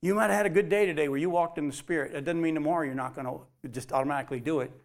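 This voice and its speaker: A man's voice: a little high, rapid-fire. A man pastor preaching a sermon with animation, acting out quoted voices as he reads scripture.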